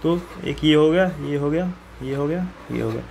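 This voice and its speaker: A man's voice: on the high side, moderate pace, creaky, darkish tone, a little hiss or hum. A man teaching students step by step how to fill in a map, in a friendly and reassuring way, often asking viewers questions. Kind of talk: map-filling lesson for school students.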